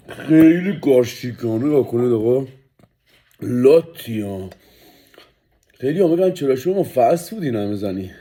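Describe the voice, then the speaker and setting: A man's voice: medium pitch, mellow, husky. A man vlogging about his food in a casual, hyped-up way, talking straight to the viewers and sometimes dropping to a whisper. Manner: hyped and playful, drops to whispers over the food.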